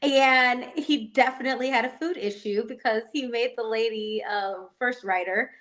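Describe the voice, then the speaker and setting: A woman co-hosting a podcast in casual chat, talking fast and loose, laughing often and saying "like" a lot. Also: on the high side, a bit bright. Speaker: podcast co-host.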